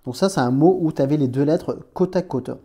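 A man's voice: fairly high pitch, fairly quick, mellow, breathy edge. A man teaching Arabic letters in a chatty, informal way, talking straight to the learner with many restarts. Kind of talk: informal screen-recorded lesson.

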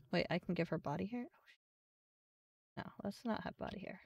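Young woman, game streamer, gravelly voice, dry sound, mic a little far off. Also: mid-range voice, normal speed, no room sound. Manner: chatty, thinks aloud, swears casually. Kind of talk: casual live-stream commentary.

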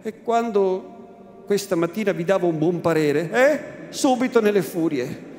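A man's voice: sits high, expressive, unhurried, darkish tone, a little hiss or hum. A male reader voicing a frightened, timid old village priest who pleads and complains, heard in a large cathedral. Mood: aggrieved. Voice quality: pleading, fearful. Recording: echoey cathedral, faint ambience.

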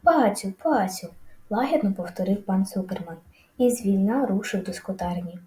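A woman reading a children's story aloud in a lively, expressive way. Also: medium pitch, normal speed, reverberant, rough recording. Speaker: audiobook reader. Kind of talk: storybook narration.

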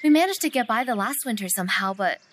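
A woman voicing a cheerful, easily embarrassed young wife in her twenties in an indie game, lively and gently scolding. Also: fairly high pitch, fast talker, noisy background, lightly acted. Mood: gentle.

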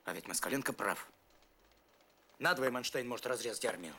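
A man's voice: mid-range voice, lively intonation, brisk, pushed and bright, husky, exaggerated voice. A man playing a hot-tempered, exacting middle-aged staff general in a war film. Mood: restrained. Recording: noisy background ambience.

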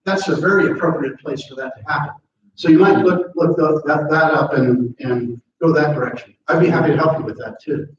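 A middle-aged American state legislator talks casually to a crowd in a large meeting room, rambling with lots of fillers and restarts while taking audience questions. His voice is fairly high and brisk, caught by a far-off camera with no mic, so it sounds distant, dull, and echoey amid crowd noise.

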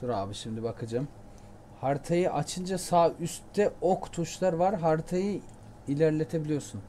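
A young man giving chatty, jokey commentary while playing a game, often shouting at it. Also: a little high, normal speed, slight background noise. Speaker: gameplay commentator. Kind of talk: casual let's-play commentary.

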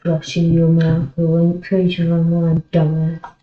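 A woman playing an online game chats casually over in-game voice chat, sounding plaintive and pestering. Her voice is low and monotone at a measured pace, and the audio is phone-like and echoey.

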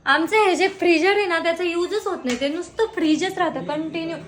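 A young woman with a high voice chats her way through a casual family vlog. She explains her cooking step by step in an easy, talkative way. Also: brisk, heavy background noise. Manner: chatty, teasing, explains as she cooks. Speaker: vlogger.

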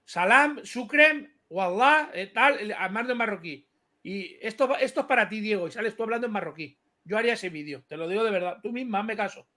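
A man co-hosting a live chat, talking fast and heatedly, swearing and repeating himself. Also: high-pitched. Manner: rapid, excitable, swears a lot, repeats himself. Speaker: live stream co-host.

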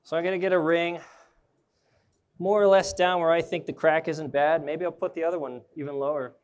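A man's voice: fairly high pitch, steady tone, fairly quick, smooth. A young man, an arborist trainer, giving a casual live demonstration at an indoor trade show booth and thinking aloud as he handles his gear.

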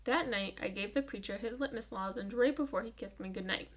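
A woman's voice: medium pitch, a little fast. A woman reading a children's novel aloud with an engaged storytelling delivery. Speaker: audiobook reader.

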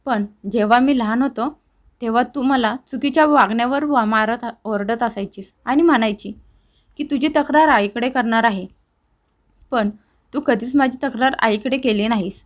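A man's voice: very high voice, moderate pace. A woman narrator voicing a remorseful grown son who talks earnestly and tearfully to his family. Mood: pleading.

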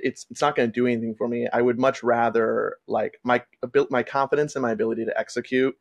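Gravelly-voiced male wedding photographer chatting. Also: mid-range voice. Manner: relaxed, rambling, lots of "like". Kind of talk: casual conversation.

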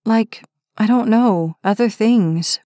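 A woman reading the part of a tired young woman who speaks softly and evasively. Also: on the high side, slow, no room sound, clean studio sound. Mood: weary. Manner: soft, evasive. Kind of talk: audiobook character reading.

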